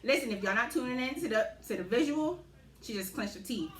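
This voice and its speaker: A woman's voice: a little high, expressive, fairly quick, reverberant, slight background noise. A woman co-hosting a casual podcast, slangy and laughing, full of "you know what I mean". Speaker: podcast co-host.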